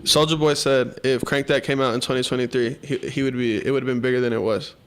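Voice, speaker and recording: A man co-hosting a casual podcast, talking in a quick, slangy, excitable way. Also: mid-range voice, a little hiss or hum. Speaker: podcast co-host.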